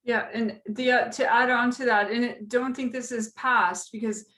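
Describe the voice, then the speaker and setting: Fired-up woman talking on a video call, voice a bit high, echoey room. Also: steady tone, moderate pace, a bit bright. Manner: impassioned, personal. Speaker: panelist. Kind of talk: online panel discussion.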